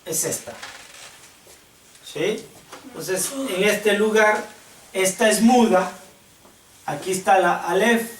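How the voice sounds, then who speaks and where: A male teacher explains step by step at an unhurried pace. His voice is heard from some distance in an echoey classroom with a faint hiss underneath. He keeps stopping to ask if his students follow. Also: sits high. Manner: slow, patient, checks understanding with questions. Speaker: Hebrew teacher. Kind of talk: classroom lesson.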